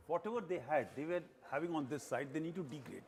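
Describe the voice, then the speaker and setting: A man with an Indian accent giving expert news commentary as a military analyst, explaining in halting phrases with pauses mid-sentence. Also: on the high side, lively intonation, a little mellow. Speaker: military analyst, retired general.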